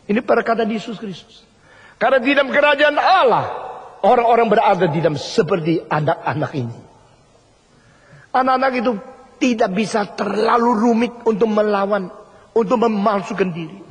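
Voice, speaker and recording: An older man preaching a sermon emphatically, repeating his key phrases and sometimes mimicking other people. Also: sits high. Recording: husky voice in a hall with long reverb.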